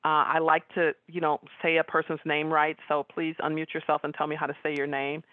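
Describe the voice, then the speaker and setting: A woman's voice: sits low, little pitch movement, fairly quick, dry recording. Woman speaking over a tinny call line. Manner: conversational, frequent fillers. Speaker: guest speaker. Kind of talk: webinar presentation with audience questions. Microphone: video call.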